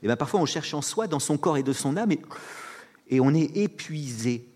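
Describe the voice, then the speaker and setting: A man's voice: a little high, expressive, moderate pace, a little mellow. A man giving a reflective talk, hesitant, with many fillers and restarts. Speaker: speaker on fatigue and rest. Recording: long hall reverb.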